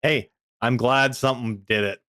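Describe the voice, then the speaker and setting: A man's voice: medium pitch, steady tone, moderate pace, a bit bright, no echo, clean studio sound. A man playing in a tabletop game, describing his character's actions in an easygoing, upbeat way. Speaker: player. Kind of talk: casual tabletop play.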